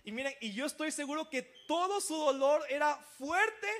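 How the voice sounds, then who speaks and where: A man's voice: very high voice, moderate pace. A man, a pastor preaching a sermon and telling stories with acted-out voices. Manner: animated storytelling, acting out quoted voices.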